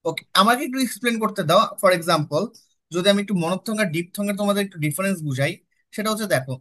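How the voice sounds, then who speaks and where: Bright high-voiced young male tutor. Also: expressive, quick pace. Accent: Bangladeshi. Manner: explains step by step, checks in with students often. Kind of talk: classroom lecture with student questions.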